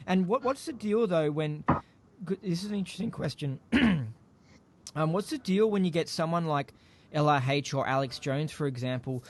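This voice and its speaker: A man co-hosting a podcast, rambling and restarting himself as he asks his questions. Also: on the high side. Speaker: podcast co-host. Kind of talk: casual podcast discussion.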